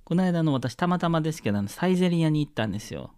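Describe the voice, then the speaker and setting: A man's voice: fairly high pitch, lively intonation, racing, dark tone, no echo, clean studio sound. A man with a Kansai accent co-hosting a podcast, chatting casually and acting out the people in his story. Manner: chatty storyteller who acts out overheard people. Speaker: podcast co-host. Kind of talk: casual chat.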